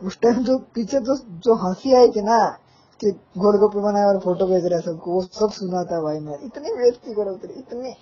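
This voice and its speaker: A young man who's into gaming nags someone over a casual phone call, pressing his point with playful threats. His high voice is mellow and husky at a normal speed. The call sounds muffled and lo-fi.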